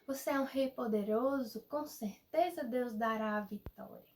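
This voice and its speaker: Flattering, fawning court prophets, as a woman storyteller puts them on, speaking slowly to please a king in a children's Bible story. The voice is fairly high and sounds distant from the mic. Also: lightly acted.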